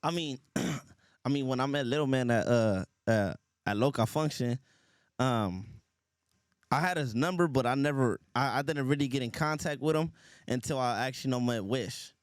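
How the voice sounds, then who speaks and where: A man's voice: mid-range voice, normal speed, no echo, studio quality. A man from Los Angeles, a rapper guest, telling his story in laid-back street slang in a casual interview. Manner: laid-back street slang, frequent laughs and "you feel me".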